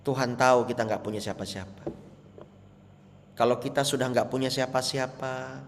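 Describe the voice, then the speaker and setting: Male pastor, sermon delivery, middle pitch, big soft-to-loud swings, reverberant hall. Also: steady tone, normal speed, slight background noise. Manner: preaching with sweeping swings between soft, low asides and loud, high exhortations. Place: church hall, over an online meeting.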